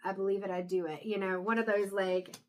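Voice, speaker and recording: She's a tarot reader chatting easily to camera as she interprets the cards by intuition, rambling through her thoughts with fillers and restarts. Now and then she clears her throat; her average-pitched voice sounds worn and raspy.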